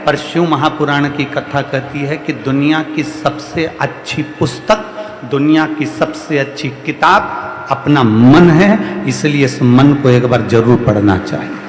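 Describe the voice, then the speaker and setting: At a large religious gathering, outdoors or in a hall, a man speaking with a central Indian Hindi accent preaches a devotional sermon to a big crowd in a mid-range voice at a measured pace, with a noisy background. This kathavachak uses rhythmic, repeated refrains that rise as he builds each point. Long reverb, an echoey hall and faint music fill the recording.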